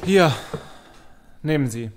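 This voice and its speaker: Woman playing Lex, lowish-voiced young detective. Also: expressive, slow pace, a little mellow. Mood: resigned. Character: clever, defiant young detective called Lex. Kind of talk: youth audio drama acting and narration.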